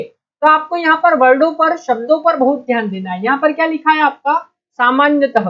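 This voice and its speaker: A woman's voice: high-pitched, fairly bright tone, muffled recording. A woman teaching an online exam-prep lesson, repeating key points and quizzing her students with questions she then answers herself.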